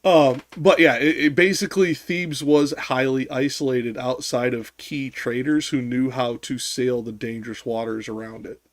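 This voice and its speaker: A man hosting a casual live-stream discussion who rambles, restarts his sentences, fills pauses with ums and swears now and then. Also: medium pitch, fairly even intonation, no echo. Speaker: streamer host.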